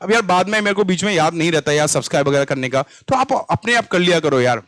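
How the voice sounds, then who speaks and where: A man's voice: on the high side, lively intonation, fast talker, a bit bright, dry recording. A man with an Indian accent teaching English vocabulary for exams, chatty and repeating questions to his students. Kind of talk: online exam-prep lesson.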